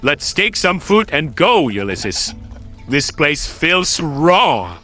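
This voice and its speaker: Man playing a bright, high-voiced storybook sailor. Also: very animated, slow, full character voice. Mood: uneasy. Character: timid, dreamy male sailor in children's storybook. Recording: music behind the voice.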